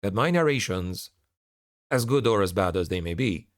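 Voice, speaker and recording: A man with a fairly low voice speaks candidly to his online audience. His delivery is frustrated and sardonic, like a creator airing a grievance in an update. The sound is dry, with hardly any room around it. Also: lively intonation, moderate pace, no echo. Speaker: online narrator and content creator. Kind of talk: candid spoken channel update to viewers.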